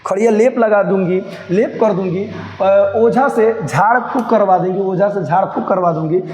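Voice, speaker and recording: A man's voice: high voice, moderate pace, darkish tone, close to an everyday voice. A man reading out the lines of a poor, unschooled village mother who speaks in plain, earnest terms. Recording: echoey hall, faint noise.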